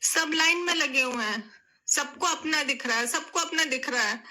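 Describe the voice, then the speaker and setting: A young woman tearfully begs her viewers in a vlog addressed straight to camera, her phrases repeating as her voice gives way. She speaks at a normal speed in a high-pitched, bright and forceful voice.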